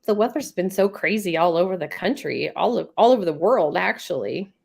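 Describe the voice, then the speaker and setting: Her voice is low-ish, gravelly and darkish with a breathy edge, delivered briskly and with animation. Congested from a head cold, this live stream host rambles through viewer comments in relaxed chat, laughing a lot.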